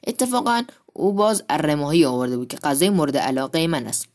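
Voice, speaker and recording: A woman's voice: sits low, big pitch swings, darkish tone. A woman reading a humorous children's story aloud, playfully lifting her voice for the characters' lines.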